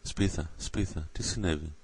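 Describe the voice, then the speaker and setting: A man voicing a brave young resistance leader who speaks calmly and with command. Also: very deep voice, slightly rough, exaggerated voice. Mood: alarmed. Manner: calm, commanding.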